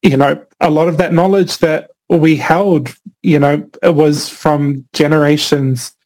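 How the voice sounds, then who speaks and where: A man's voice: a little high, steady tone, measured pace, darkish tone, low-quality recording. A young man from the Cook Islands, a filmmaker answering interview questions in a thoughtful way, with many fillers and restarts. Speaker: filmmaker guest.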